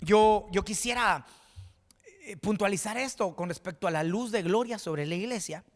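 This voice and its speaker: A man's voice: high voice, normal speed. A man from Guatemala preaching a sermon as pastor, fervent, with repeated words and restarts, rising to exclaim. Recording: reverberant hall.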